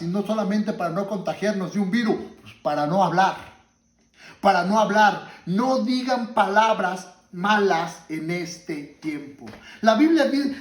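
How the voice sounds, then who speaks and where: A man preaching a sermon from his home, earnest, dropping to a hush for quoted commands. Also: high voice, echoey room. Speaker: pastor.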